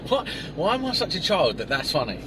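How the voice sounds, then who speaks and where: Lively south London bloke bantering in a car. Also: male voice, a little high, a little fast. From Croydon, south London. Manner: teasing, blokey, jokey. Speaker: host driving and interviewing a guest. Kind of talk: casual banter while driving. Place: inside a moving pickup truck. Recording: clear road and car noise.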